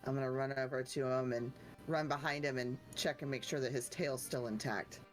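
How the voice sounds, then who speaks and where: Playful player at a tabletop game, mid pitch. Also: fairly even intonation, a little fast, soft background music. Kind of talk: role-playing at a tabletop game.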